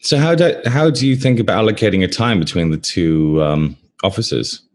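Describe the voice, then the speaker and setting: Low-voiced man interviewer. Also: lively intonation, moderate pace. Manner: questions ending with a checking "right?". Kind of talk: video call interview. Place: small room at home, indoors.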